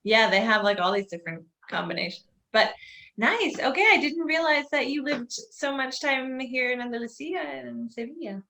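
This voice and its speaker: A woman's voice: sits high, moderate pace, creaky, pushed and bright. A woman hosting a casual video-call chat, chatty and upbeat, laughing easily. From not from Spain, lives in Spain. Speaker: host.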